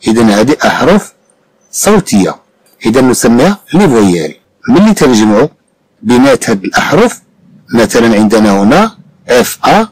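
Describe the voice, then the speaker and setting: A man's voice: medium pitch, a little mellow, rough recording. A man with a Moroccan Arabic accent teaching a French phonics lesson, patiently repeating sounds and examples.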